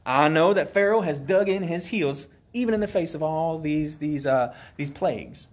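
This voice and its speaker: A man playing Moses as a folksy leader with an Alabama accent, speaking slowly and pleading with his people in a sermon role-play. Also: a little high, expressive, lightly acted. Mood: urgent. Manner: slow, drawling, pleading with the crowd.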